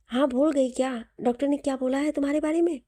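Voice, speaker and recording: Brief: tender, protective young husband, read by a woman, soft coaxing voice, slightly high and mellow. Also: steady tone, fast, dry recording, clean studio sound, lightly acted. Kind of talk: audio story reading.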